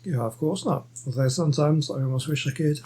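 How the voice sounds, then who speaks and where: Fairly quick and a little high-voiced, a man hosting gameplay muses aloud casually, hesitating and frequently restarting his sentences. Game music plays amid a noisy background.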